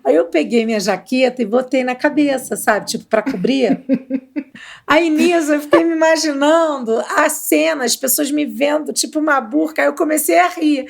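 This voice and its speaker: Brazilian female co-host, gravelly, animated storyteller. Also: high-pitched, moderate pace. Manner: lively, laughing, theatrical retelling. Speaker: podcast co-host. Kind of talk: casual storytelling chat.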